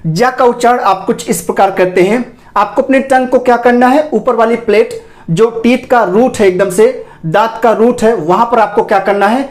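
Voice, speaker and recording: A man runs an online pronunciation class in a patient, methodical way. He asks rhetorical questions, answers them himself and says each target sound over and over, slowly. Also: extremely high pitch. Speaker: English pronunciation teacher.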